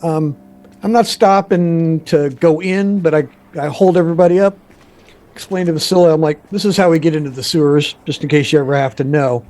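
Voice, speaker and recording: A man playing a tabletop game, chatting casually in a halting, offhand way. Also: a little high, steady tone, darkish tone.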